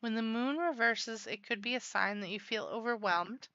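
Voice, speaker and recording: A woman's voice: a little high, moderate pace, pushed and bright, no echo, muffled recording. A woman giving a casual tarot reading, chatty and rambling, with frequent laughs and fillers. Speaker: tarot reader.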